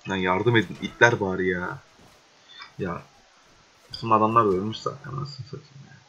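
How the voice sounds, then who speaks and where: A young man talks over his gameplay in a low, husky voice. He swears often, gets exasperated and breaks into excitable outbursts. The recording sounds dull and lo-fi. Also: moderate pace. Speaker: gaming video host. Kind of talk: casual gameplay commentary.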